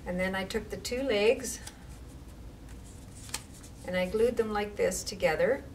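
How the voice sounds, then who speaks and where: Young children hear a woman with a medium-pitched voice read a rhyming story at library storytime, expressive, slow and deliberate, peppered with casual asides. Recorded from afar, the clip carries faint background noise.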